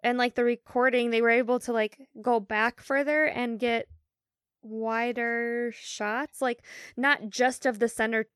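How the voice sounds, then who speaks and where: A woman with a fairly high voice chats playfully on a podcast, often poking fun at herself. Her sound is dry and close. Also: fairly even intonation, unhurried, a bit bright, smooth, no room sound. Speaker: podcast co-host. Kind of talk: casual chat.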